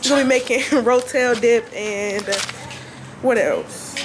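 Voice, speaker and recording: A woman's voice: a little high, unhurried, background noise. A young woman chatting playfully in slangy casual talk as she vlogs while shopping, filmed on a handheld camera. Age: young adult. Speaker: vlogger. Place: busy clothing store and grocery store, indoors. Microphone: handheld camera at arm's length.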